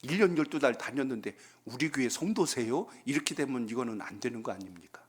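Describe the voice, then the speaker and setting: A man's voice: mid-range voice, expressive, quick pace, breathy edge. A man, a pastor, preaching a Friday prayer-meeting sermon in a church, calling for amens and telling folksy jokes. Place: church sanctuary.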